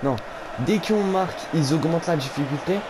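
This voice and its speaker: Frustrated, ranting young gamer. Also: male voice, on the high side, normal speed, a loud crowd. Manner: frustrated gamer complaining and ranting about the game. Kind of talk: casual gameplay commentary. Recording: noisy, game sound behind voice. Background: football video game ambience.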